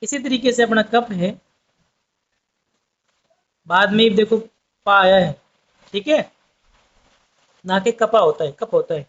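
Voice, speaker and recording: A man's voice: sits high, slow, long pauses, a bit bright. A man teaching an online language lesson, explaining patiently and repeating each point for his viewers. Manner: patient, repetitive explaining, addresses viewers as friends. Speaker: Urdu teacher. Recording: dull lo-fi sound.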